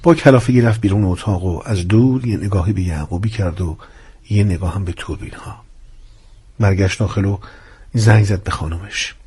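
Brief: husky man narrating a story, steady and measured. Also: low-pitched.

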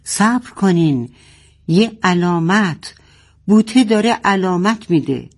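A woman voicing a brave narwhal who leads the sea fish, calling out slowly and drawn out. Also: mid-range voice, big pitch swings, darkish tone, slightly rough, voice pushed up. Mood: rallying.

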